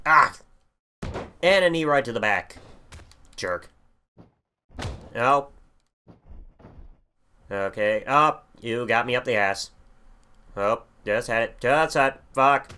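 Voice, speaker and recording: Young man, let's play commentary, lively swinging voice, slow drawl, bright tone, swears a lot. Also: mid-range voice, clean tone. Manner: profane, excitable, shouts at the game. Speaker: gaming channel host.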